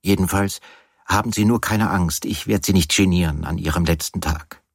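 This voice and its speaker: A worn-out, feverish man grumbling with dark sarcasm, as a male narrator plays him in a storybook reading. His deep voice carries a husky edge, heard close and dry. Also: normal speed, no echo, full character voice. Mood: sardonic. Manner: gloomy, sardonic. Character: weary feverish sardonic man.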